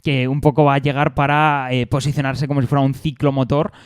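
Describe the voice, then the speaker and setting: A man, co-hosting a relaxed chat, talks through the details with lots of "eh" and restarts. His voice sounds smooth and resonant, and the recording is close and dry with no room sound. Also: mid-range voice, fairly quick, no echo. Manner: explanatory, many fillers and restarts. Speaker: co-host, motorcycle expert. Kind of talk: casual studio chat.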